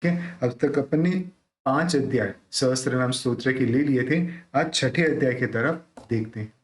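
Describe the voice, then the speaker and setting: A man teaching correct pronunciation of a devotional hymn: he explains each word, then recites it slowly and repeats it. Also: medium pitch. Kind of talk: pronunciation lesson. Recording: echoey room.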